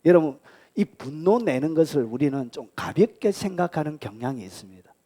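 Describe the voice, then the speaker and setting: A man's voice: on the high side, lively intonation, a little fast. A male pastor with a Gyeongsang accent preaching a sermon, asking the congregation questions and answering them himself, acting out angry outbursts and dropping at times to a whisper. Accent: Gyeongsang Korean. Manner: acts out angry outbursts, shifts between loud and whispered lines.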